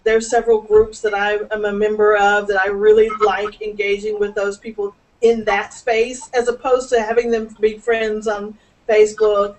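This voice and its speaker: A woman's voice: mid-range voice, level tone, moderate pace, distant mic, slight background noise, poor audio. A woman hosting a casual video call chat, chatty and laughing often, with many restarts. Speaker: host.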